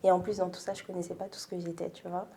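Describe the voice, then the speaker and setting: A woman's voice: fairly low pitch, flat delivery, rapid-fire, vocal fry, slight background noise. A woman in her twenties from France, talking through her story as an interview guest, thoughtful and full of fillers. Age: 20s. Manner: thoughtful, with frequent fillers and soft laughs. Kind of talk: casual interview conversation.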